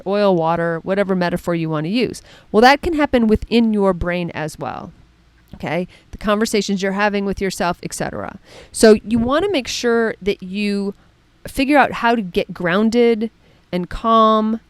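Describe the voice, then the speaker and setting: A middle-aged woman coach giving a casual spoken lesson, chatty and animated, often checking in with "right?" and "okay?". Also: medium pitch, smooth, no echo. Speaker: mental performance coach.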